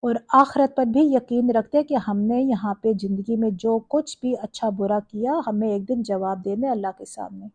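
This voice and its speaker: A woman's voice: on the high side, hardly any pauses, husky, no echo, muffled recording. A woman giving a Quran commentary lecture, explaining verse by verse with small stumbles. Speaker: religious lecturer.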